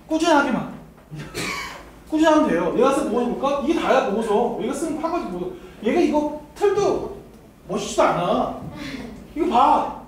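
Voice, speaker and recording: A very high-pitched man runs a university admissions seminar, teasing the students and laughing often as he talks to them directly. He sounds distant from the microphone in a strongly echoing hall with a faint hiss underneath. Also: wildly swooping pitch, moderate pace. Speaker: academy admissions lecturer. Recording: very echoey hall, mic far off, faint noise.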